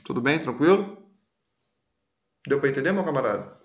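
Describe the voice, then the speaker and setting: A man's voice: medium pitch, lively intonation, normal speed. A man teaching a recorded class in a casual way, often checking that students follow along. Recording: echoey room.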